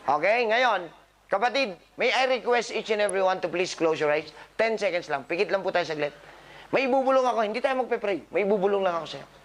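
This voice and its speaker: A man's voice: sits high, a little fast, a little hiss or hum. A man, a doctor, giving a live talk to patients, scolding them with humor and quizzing the audience. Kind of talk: live motivational health talk.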